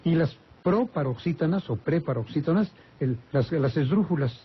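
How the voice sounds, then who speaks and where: An older man with a Mexican Spanish accent, a language expert answering listener questions on a radio call-in show, speaking slowly with many hesitations and self-corrections. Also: a little high, lively intonation, slight background noise. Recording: dull lo-fi radio broadcast.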